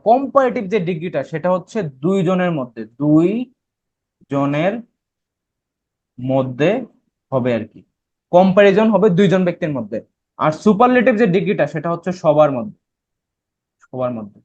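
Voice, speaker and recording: Bangladeshi male tutor, slightly high voice, lectures patiently, checks if students follow, muffled recording. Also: a little mellow. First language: Bengali. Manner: explains step by step, keeps checking students understand. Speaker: admission test English teacher. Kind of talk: online class lecture.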